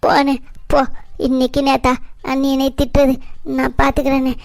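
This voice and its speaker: A woman voicing a meek, tearful young younger sister in a cartoon, soft and pleading. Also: sits high, completely flat delivery, moderate pace, vocal fry, no echo.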